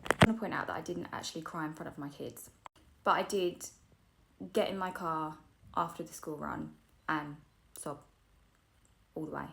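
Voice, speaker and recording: A woman's voice: sits low, normal speed, vocal fry, pauses often, background noise. A woman in her thirties, close to tears, telling a candid, self-deprecating story about being a mum. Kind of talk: emotional storytime vlog.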